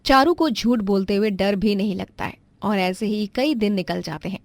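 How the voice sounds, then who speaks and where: A woman narrating a children's moral story in an even, plain storytelling manner. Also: medium pitch, normal speed, vocal fry, no echo.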